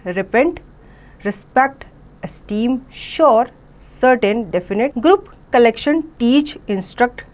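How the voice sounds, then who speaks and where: A woman teacher, slowly reading out word lists and explaining them to children in Hindi mixed with English. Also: on the high side, darkish tone. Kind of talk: classroom vocabulary lesson.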